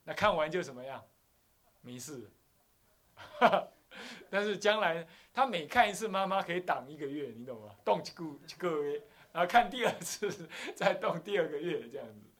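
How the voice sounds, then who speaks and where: Animated man giving a Buddhist lecture. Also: a little high, moderate pace. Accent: Taiwanese Mandarin. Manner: animated, acts out scenes, chuckles often. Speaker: Buddhist abbot teaching.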